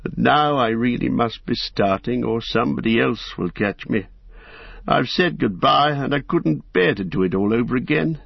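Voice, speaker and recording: Guy doing a high fluttery old hobbit, fussy and excitable, kinda husky, dull dry audio. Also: moderate pace, no room sound, full character voice. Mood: rueful. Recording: dry, slightly dull recording.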